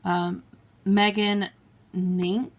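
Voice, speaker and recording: Speaking in a mid-range, level voice with drawn-out words, this woman is a beauty vlogger casually talking through her makeup haul. The camera sits on a table and films her hands as she swatches colors on her arm, apologizing when she mispronounces names.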